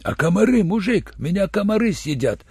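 A man's voice: high-pitched, sing-song, moderate pace, dark tone, husky, dry recording, clean studio sound, voice pushed up, full character voice. A man voicing a grey-haired captured older thug who pleads in a whine and then makes sullen threats. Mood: whining.

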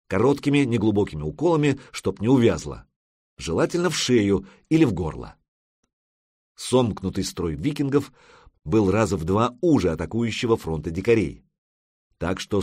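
A man narrating a fantasy battle audiobook with expressive, punchy storytelling and a close studio mic. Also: lowish voice, breathy edge, no echo.

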